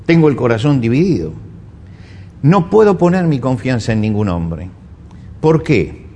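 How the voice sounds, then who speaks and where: A man's voice: mid-range voice, very animated, measured pace, mellow. A man with an Argentine accent preaching a sermon, asking rhetorical questions and repeating phrases for emphasis. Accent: Argentine Spanish. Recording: echoey hall with faint ambience.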